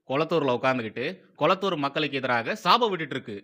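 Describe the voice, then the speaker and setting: A man's voice: mid-range voice, expressive, quick pace, pushed and bright. A man hosting political commentary, mocking and sarcastic, who repeats phrases for emphasis.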